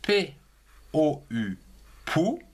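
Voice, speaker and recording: Man spelling slowly for children. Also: on the high side, big pitch swings, a little hiss or hum. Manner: spells words letter by letter, syllable by syllable. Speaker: teacher. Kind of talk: slow spelling lesson for children.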